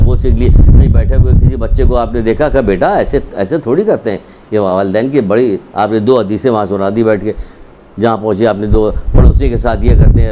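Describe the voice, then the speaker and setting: A man from Pakistan giving a sermon as a religious speaker, urging his listeners and asking rhetorical questions. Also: mid-range voice. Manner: exhortative, asks rhetorical questions. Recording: dull lo-fi recording with clear noise.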